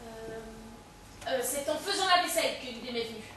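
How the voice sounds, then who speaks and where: An actress playing a scheming, quick-witted novice nun with a lively, playful manner. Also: female voice, sits high, far from the mic. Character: scheming, fast-talking young novice nun. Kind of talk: stage comedy acting. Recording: echoey stage heard from afar, faint noise.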